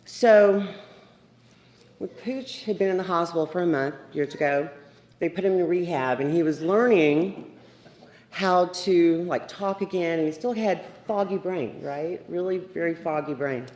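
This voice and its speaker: A middle-aged woman giving a memorial eulogy, a lively storyteller who acts out the lines of the people in her stories. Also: on the low side, a little slow. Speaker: eulogy speaker. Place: memorial service room. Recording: echoey livestreamed room.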